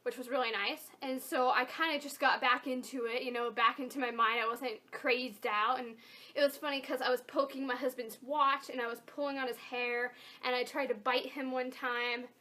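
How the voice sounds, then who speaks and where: Young female vlogger, high-pitched and bright; informal, chatty, emphatic personal storytelling. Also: fairly even intonation, moderate pace. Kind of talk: casual personal storytelling to camera.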